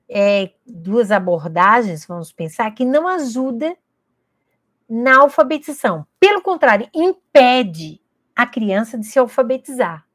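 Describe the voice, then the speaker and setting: A Brazilian woman educator with a slightly high voice gives an emphatic teaching talk, putting rhetorical questions to parents and teachers and answering them at once. The recording is dry and close, with no room sound. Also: no room sound. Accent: Brazilian Portuguese.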